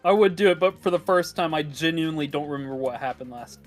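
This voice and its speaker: Man, player, higher voice, jokey, stumbles over words, faint music behind. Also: fast. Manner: joking, stammers and restarts when excited. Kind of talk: casual chat on a voice call.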